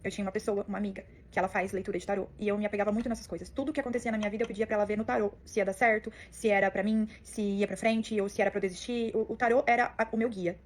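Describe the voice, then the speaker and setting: Fast-talking young woman sharing testimony. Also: medium pitch, fairly even intonation. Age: young adult. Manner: emotional, earnest, fast-flowing storytelling. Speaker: testimony speaker. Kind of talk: personal testimony.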